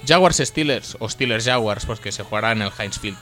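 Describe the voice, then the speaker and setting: A man's voice: fairly low pitch, brisk, bright, forceful tone, faint music behind. A man from co-hosting a casual sports podcast, laughing easily and teasing his co-host in a rambling way.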